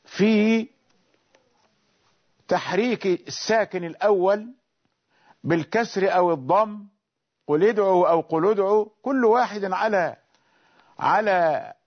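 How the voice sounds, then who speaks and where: High-voiced man teaching Quranic recitation. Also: highs cut off. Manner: explains slowly, repeating verses and rules. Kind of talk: classical Arabic lesson on Quranic readings.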